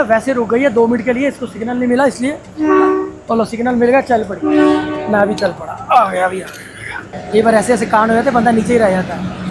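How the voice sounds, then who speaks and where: A travel vlogger with a very high-pitched voice narrates excitedly from a mountain toy train and its station platforms. He's chatty and casual, calling his viewers "brothers."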